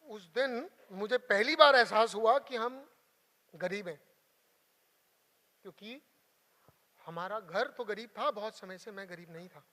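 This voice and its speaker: A man's voice: high-pitched, a little slow, long pauses, pushed and bright. A young adult man giving an emotional motivational talk, telling a personal story with earnest repetition for emphasis. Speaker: motivational speaker. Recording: hall reverb.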